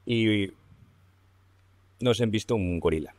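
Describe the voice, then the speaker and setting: Lively storytelling man with Spanish accent. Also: lowish voice, takes it slowly, dry recording. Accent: Spain Spanish. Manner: lively, laughs often, colloquial swearing. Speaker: podcast guest. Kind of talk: casual storytelling.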